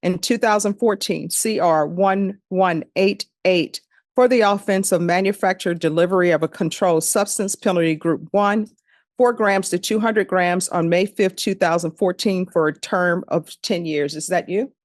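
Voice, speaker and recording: A woman judge in a courtroom recording, formally reading case numbers and charges in a measured, procedural way. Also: fairly low pitch, no room sound, studio quality. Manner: measured, procedural, repeats formulaic questions.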